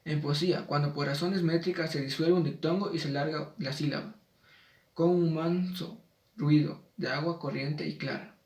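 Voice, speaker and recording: Man, spelling lesson read aloud, measured and slowing for examples, higher voice, echoey room, a bit off the mic. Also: fairly even intonation, darkish tone, far from the mic.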